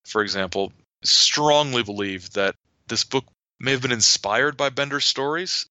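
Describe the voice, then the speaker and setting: A man's voice: on the low side, sharp tone, dry recording, lo-fi sound. A man chatting casually as an author and podcast guest, rambling and often repeating words as he starts a sentence. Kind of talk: casual storytelling chat.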